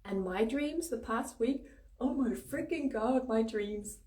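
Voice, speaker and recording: Slightly high and mellow, her voice takes its time. She's a Danish-accented native speaker of Danish hosting an informal spiritual talk, swearing freely and stressing her points. The microphone is distant, giving a roomy echo.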